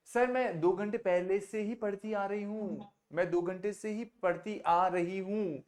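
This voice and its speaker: A man's voice: high-pitched, unhurried, a little mellow. A man teaching spoken English on a video call, patiently repeating examples and mixing Hindi with English. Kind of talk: online spoken English lesson.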